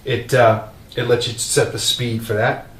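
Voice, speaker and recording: Easygoing male demonstrator, mid-pitched, explaining as he goes, some distance from the mic in a reverberant room. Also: unhurried. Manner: relaxed explaining, with fillers and restarts. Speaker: product demonstrator. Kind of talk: casual gear demonstration. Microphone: open vocal mic at a distance. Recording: roomy, distant mic, faint hum.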